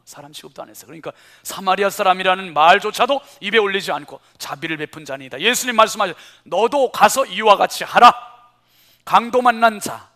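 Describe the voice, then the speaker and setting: A male pastor preaching a sermon, swinging dramatically between hushed whispers and impassioned shouts. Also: high voice, gravelly. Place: church.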